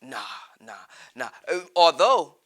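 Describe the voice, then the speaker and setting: A guest rapper from Columbus, Ohio, born in Texas, chats easily in a casual interview, laid-back and laughing often, saying "you know what I mean." His voice is on the high side and a bit bright, unhurried, with big pitch swings.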